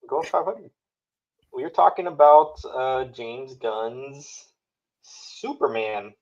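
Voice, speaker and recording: A man opening a podcast in an upbeat, lively way, his pitch swinging widely and his words drawn out slowly. His voice comes through a heavy hall-like echo, dull and muffled. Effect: echoey, hall-like audio from a misrouted mic system. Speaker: podcast co-host. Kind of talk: casual podcast intro. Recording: dull, echoey remote audio.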